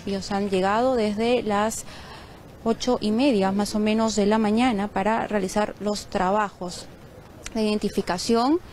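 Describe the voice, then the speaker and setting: A woman from Peru delivering a live news report from a crime scene, measured and a little halting. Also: medium pitch, fairly even intonation, a little mellow, a little hiss or hum. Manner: measured, with frequent fillers. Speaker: field reporter. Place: outdoors on a street at a crime scene.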